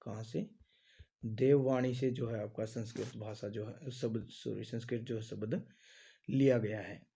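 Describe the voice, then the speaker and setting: Male tutor, exam-prep drill, very dark mellow tone, asks then repeats answers, filler-heavy delivery. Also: mid-range voice. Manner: says "आपका" and "जो है" a lot. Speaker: teacher.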